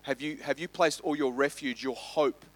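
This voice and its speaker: A man pastor preaching a sermon, building loud and quick through lists and then dropping to soft, slow emphasis. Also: mid-range voice, fairly even intonation, dry recording.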